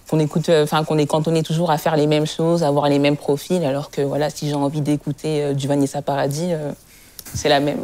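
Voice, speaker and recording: Deep-voiced young woman, assertive. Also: darkish tone. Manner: assertive, hesitant fillers. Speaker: discussion participant. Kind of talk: casual group discussion.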